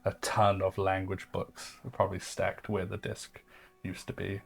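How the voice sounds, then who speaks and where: A man's voice: low voice, monotone, measured pace, creaky. A man playing his character in a tabletop game, talking in a rambling, hesitant way with many fillers. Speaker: player. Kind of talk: in-character tabletop role-play.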